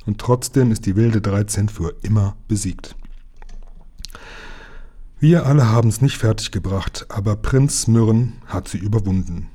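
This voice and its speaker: A man voicing a calm, friendly adult engine driver in a children's story. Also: lowish voice, a little slow, breathy edge.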